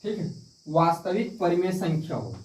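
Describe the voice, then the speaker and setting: A man teaches a math lesson in a high-pitched, very animated, slightly mellow voice at normal speed. He repeats key points and asks the class questions that he answers himself, recorded with a distant mic in an echoey room, with a little hiss or hum.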